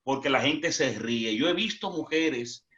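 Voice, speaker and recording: A Dominican man who preaches, telling stories animatedly and jumping into high, excited voices when he quotes people. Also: a little slow. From Dominican Republic. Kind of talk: animated storytelling. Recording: lo-fi muffled.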